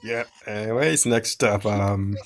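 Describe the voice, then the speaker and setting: A man's voice: fairly low pitch, takes it slowly, a little hiss or hum. A man co-hosting a podcast, reading and joking in a rambling way, often restarting his sentences. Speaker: podcast co-host. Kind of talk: casual chat and reading aloud.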